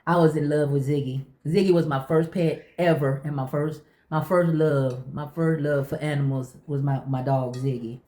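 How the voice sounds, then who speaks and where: A woman vlogs in a low, mellow, steady voice at a moderate pace, barely pausing. She tells personal stories casually but emphatically, repeating phrases to drive points home, and the room is echoey.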